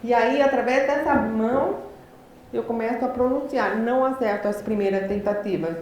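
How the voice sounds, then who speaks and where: A woman with a Brazilian Portuguese accent telling a personal story in a lecture, articulating words deliberately and with effort, in a lively, animated way. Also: on the high side. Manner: deliberate, effortful articulation of a speaker who learned speech late. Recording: very echoey hall, faint background noise.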